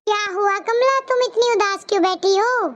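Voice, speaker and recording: A woman's voice: very high voice, moderate pace, fairly bright tone, lo-fi sound. A woman voicing a nosy older neighbour aunt in a cartoon story who drops in to ask about a quarrel. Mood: prying.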